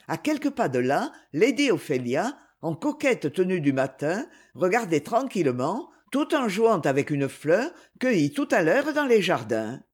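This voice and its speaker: Woman audiobook narrator, measured reading, lively intonation. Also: lowish voice, breathy edge. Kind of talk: scripted narration.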